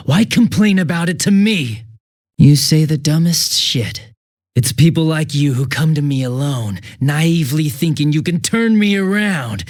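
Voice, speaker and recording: Sounding bored and contemptuous, a man performs a video game role: a sneering young detective turned killer who swings dramatically between lazy drawling and gleeful jeers. His pitch is a little high, and the clean studio recording carries no room sound.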